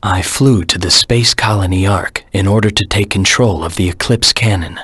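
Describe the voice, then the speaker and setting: An actor voicing a brooding, vengeful anti-hero hedgehog in a video game, with a husky rasp and a grim, terse, dramatic delivery. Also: male voice, moderate pace, a bit bright, no echo. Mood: grim, recounting. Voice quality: low, husky, gravelly rasp.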